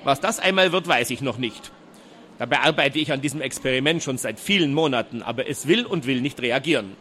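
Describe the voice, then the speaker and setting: A man voicing an excitable elderly inventor professor in a storybook reading, fussy and quick to shout. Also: medium pitch, slight background noise. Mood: proud, explaining. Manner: agitated, shouts when upset.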